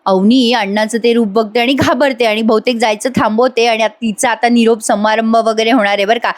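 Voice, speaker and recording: A woman narrates a TV serial episode in a chatty, animated voice-over. Her voice sits a little high and she keeps the retelling lively. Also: fairly quick. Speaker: TV serial reviewer. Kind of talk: casual voice-over episode recap. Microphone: voice-over mic.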